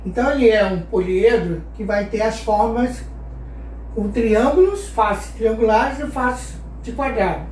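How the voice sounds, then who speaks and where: Explaining geometry to her class, a woman patiently asks questions and then supplies the answers herself. Her voice is a little high, a little slow and darkish in tone. She sits far from the mic in an echoey room, with slight background noise.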